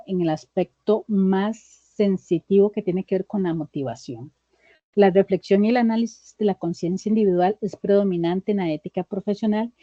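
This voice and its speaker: A woman tutor lectures in a calm, mellow tone, walking through ideas step by step and pausing to ask her students if all is clear. Her voice sits dark and soft. The sound is dry and a little dull, like lo-fi call audio. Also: mid-range voice, no echo. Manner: explains step by step, checks in with students.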